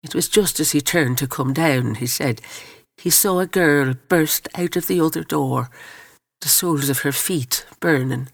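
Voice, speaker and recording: A man reading a story aloud in solemn, measured scripted narration. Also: a little high, vocal fry, no echo, studio quality.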